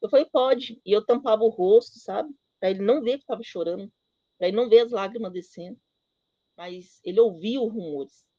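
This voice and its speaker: A middle-aged woman tells a personal story of faith at church, her speech full of emotion and broken up by fillers and restarts. Her voice sits at an ordinary pitch for a woman. The sound is dry and somewhat dull. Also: a little fast, dark tone, no room sound. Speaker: church speaker giving testimony. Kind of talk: personal testimony in a church talk.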